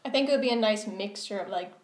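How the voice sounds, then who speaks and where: A woman's voice: mid-range voice, fast, darkish tone, echoey room. A woman co-hosting a casual podcast chat, enthusiastic and full of "like" fillers. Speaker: podcast co-host.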